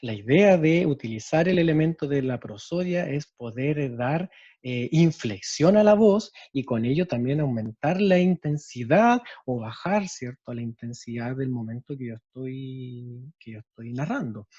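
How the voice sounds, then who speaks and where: A man's voice: mid-range voice, expressive, measured pace, warm tone, breathy edge, no echo, muffled recording. A male special education teacher with a Chilean accent, giving an explanatory lecture on storytelling and often checking in with tag questions. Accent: Chilean Spanish.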